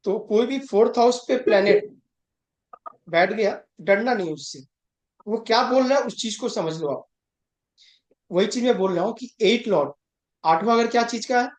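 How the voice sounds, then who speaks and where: A man's voice: high-pitched, expressive, moderate pace, long pauses. A man teaching an astrology class in a conversational way, stressing points and often asking if students follow, with English terms mixed in. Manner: emphatic, keeps checking understanding; mixes English terms into Hindi. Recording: roomy echo.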